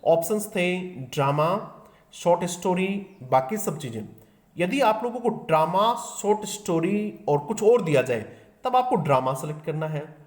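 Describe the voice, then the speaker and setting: An Indian-accented male teacher works through exam questions in a brisk, repetitive drilling manner, switching between languages for key terms. His voice sits fairly high for a man. The recording has a noticeable room echo. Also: expressive. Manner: explains in Hindi mixed with English terms, drilling answers. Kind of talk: exam prep lesson.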